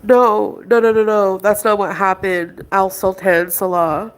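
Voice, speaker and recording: A woman's voice: medium pitch, little pitch movement, a little slow, a little hiss or hum, low-quality recording. A woman on a livestream ranting in an agitated way, arguing with someone offscreen and talking to her chat. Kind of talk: emotional livestream rant.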